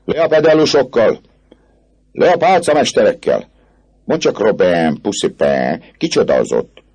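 A man voicing a rowdy crowd of young male students who shout mocking taunts in a much higher, louder voice than his narration. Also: big pitch swings, breathy edge, heavily acted. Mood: jeering.

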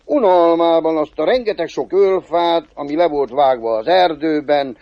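A man telling a folk tale in a lively way, shifting pace and pitch. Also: no echo. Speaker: storyteller. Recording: dull, dry recording.

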